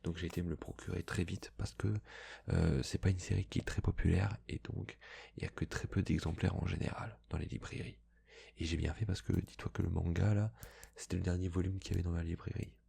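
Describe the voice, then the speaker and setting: Soft spoken asmr guy, hushed library whisper type, dark mellow tone, pretty flat, husky and breathy, chatting casually. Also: deep voice, brisk. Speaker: ASMR video host. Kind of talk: soft-spoken ASMR, casual chat about book purchases.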